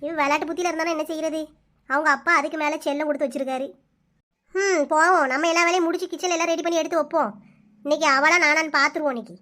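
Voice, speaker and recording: A woman's voice: sits high, fairly even intonation, very fast, pushed and bright. A woman voicing a worried, scolding middle-aged village mother in a cartoon, grumbling to herself. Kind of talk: cartoon voice-over.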